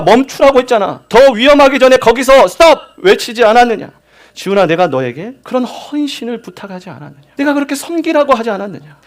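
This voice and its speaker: A preacher doing a stern pleading voice of God. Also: male voice, high voice, voice pushed up. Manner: scolding, pleading, repeating a name.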